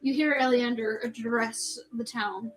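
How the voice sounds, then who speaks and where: High-voiced woman game master. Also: fairly even intonation, unhurried, poor audio. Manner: chatty, laughing asides. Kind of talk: narrating a tabletop game.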